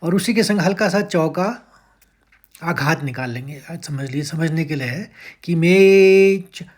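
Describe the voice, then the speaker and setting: A man teaching how to recite verses, patiently breaking words into syllables and chanting each line slowly and drawn out. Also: fairly high pitch. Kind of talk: step-by-step chant lesson.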